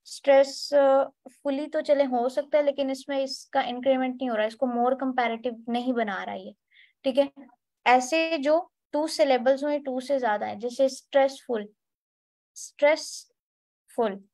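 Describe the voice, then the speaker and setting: High-voiced woman teaching English. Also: moderate pace, darkish tone. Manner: explains step by step, spells out letters, mixes in English terms. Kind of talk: online class explanation.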